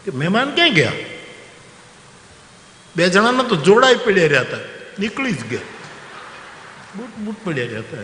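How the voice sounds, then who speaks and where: Male religious storyteller, folksy and animated, slightly high-pitched, in a reverberant hall. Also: brisk, long pauses, a little hiss or hum. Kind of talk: devotional story sermon. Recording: roomy hall with long reverb.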